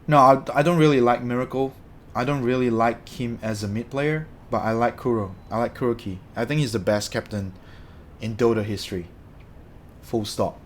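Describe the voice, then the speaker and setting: With a medium-pitched, steady voice and a moderate pace, this young man from Malaysia chats casually with his stream viewers, wandering between thoughts and fixing his words mid-sentence. Some faint background noise can be heard.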